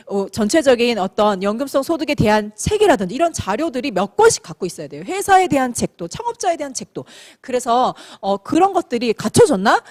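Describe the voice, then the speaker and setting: A middle-aged woman giving a motivational seminar talk to a room, animated and quick to act out the voices she quotes, with soft laughs along the way. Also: a little high, no room sound. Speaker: speaker at a sales company seminar.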